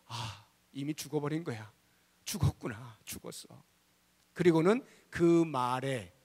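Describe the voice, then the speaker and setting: 큰 소리와 속삭임을 오가며 인용 대사를 연기하듯 설교하는 남성 목사. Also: male voice, fairly high pitch. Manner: dramatic, acts out quoted voices with big swings from loud to whispered. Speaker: pastor. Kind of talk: sermon. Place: church sanctuary. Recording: church hall with long reverb.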